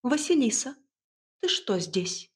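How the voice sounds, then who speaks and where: A woman voicing a proud queen mother who speaks in a stern, loud, scolding manner. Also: a little high, big pitch swings, takes it slowly, pitched above the performer's own voice.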